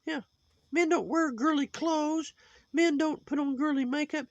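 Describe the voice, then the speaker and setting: A man voicing a preachy, judgmental male sock puppet in a high put-on voice, lecturing and moralizing as he rambles. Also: fairly even intonation, a little slow, dry recording, highs cut off.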